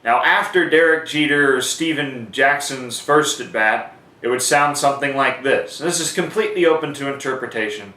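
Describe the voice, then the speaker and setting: He talks at a moderate pace with hardly any pauses, his mid-range voice bright and forceful. As a sports announcing instructor, he runs an informal, conversational how-to lesson with demonstrations, explaining each step. The room echoes and the microphone sits far away.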